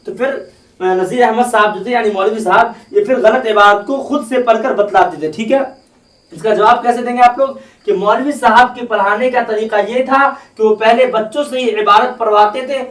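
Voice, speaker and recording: High-voiced male tutor, far and echoey. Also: moderate pace, fairly bright tone. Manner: repetitive, explains each line again. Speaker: Urdu teacher. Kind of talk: explaining exam answers. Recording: roomy, from a distance.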